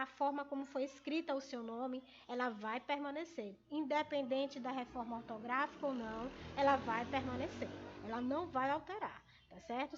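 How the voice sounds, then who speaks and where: High-voiced teacher checking in often. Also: female voice, fairly bright tone, dull audio. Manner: explains patiently with frequent check-ins like "ok?" and "tá?". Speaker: Portuguese teacher. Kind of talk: video lesson to students.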